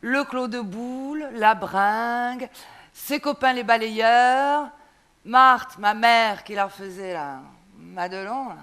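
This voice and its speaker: A woman speaking from a theatre stage in a live comedy, prim and quick to correct. She slips into a gossipy, storytelling manner during long monologues. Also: a little high, a bit bright. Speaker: comic actress.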